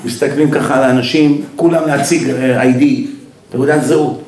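Animated rabbi telling a story, echoey room. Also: male voice, medium pitch. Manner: animated storyteller who acts out the dialogue. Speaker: rabbi giving a Torah lecture. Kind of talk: storytelling sermon.

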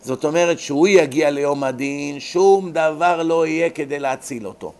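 A man giving a dramatic religious sermon, swinging between loud rebuke and hushed pleading. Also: a little high. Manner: preachy, dramatic, acts out pleading voices. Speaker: rabbi lecturer.

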